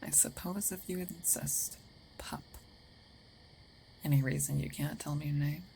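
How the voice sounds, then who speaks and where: In an intimate ASMR roleplay, a woman plays a gruff female werewolf, territorial but caring, who is flustered, awkward, and hesitant, often dropping into half-whispers. Her voice is very low, dark, and gravelly with a creak, steady and unhurried. Faint ambience and slight background noise sit behind a rough recording.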